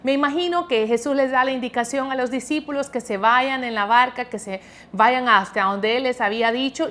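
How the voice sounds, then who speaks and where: Young female preacher, high voice, earnest and emphatic, dramatic scripture reading.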